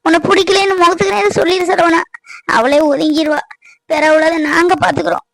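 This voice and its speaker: A woman plays a worried middle-aged village mother in a cartoon, speaking. Her voice sits high and her pleas come earnest and tearful. The recording is close and bone-dry. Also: steady tone, normal speed, no echo, natural voice. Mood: tearful pleading. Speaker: voice actor. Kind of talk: cartoon voice acting.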